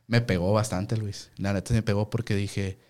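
A young man with a Mexican Spanish accent telling a story in casual interview chat, slangy and animated, acting out the voices of the people he quotes. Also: fairly low pitch, moderate pace. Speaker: guest.

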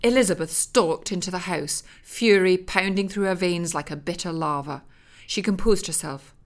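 Woman narrating a deadpan comic story. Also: fairly low pitch, normal speed.

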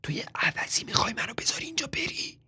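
A man voicing a sharp-tongued young woman who mocks and bickers, often in a hissed whisper. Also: a little high, lightly acted. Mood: hissing.

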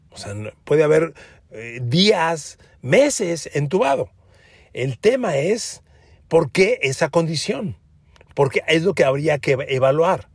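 A man's husky, medium-pitched voice comes through a dry recording. He has a Mexican Spanish accent and hosts a sports podcast, giving a commentary monologue. Speaking emphatically, he calls listeners friends and repeats words for stress.

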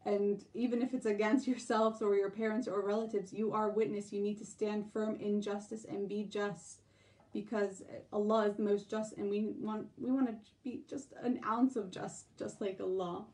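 A woman hosting a religious lesson podcast, gently explaining and reading translations and prayers aloud. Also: mid-range voice, steady tone, normal speed, far from the mic, rough recording. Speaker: podcast host.

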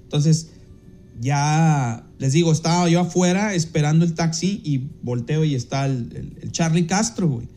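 A Mexican podcast host and DJ tells a casual anecdote, rambling along with plenty of fillers and restarts and shifting into livelier voices when quoting people. His voice is a little high and mellow, at a normal pace.

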